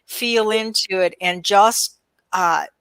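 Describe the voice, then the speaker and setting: A woman's voice: medium pitch, slow pace, a bit bright, clean tone, no room sound, poor audio. A woman hosting a casual livestream over a video call, reading out viewer comments and keeping the talk on time in an easygoing manner.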